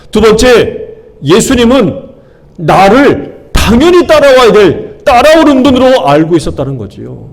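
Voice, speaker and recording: A male pastor preaching a sermon, firing questions at his congregation and hammering key words through repetition. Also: sits high. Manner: call-and-response questions to the congregation, emphatic repetition.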